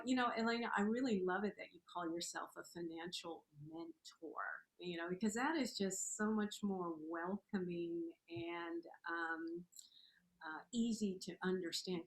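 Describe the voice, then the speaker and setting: A woman hosting an interview in an effusive, encouraging, conversational way, recorded with a roomy echo. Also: on the low side. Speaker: interview host. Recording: roomy, echoing sound.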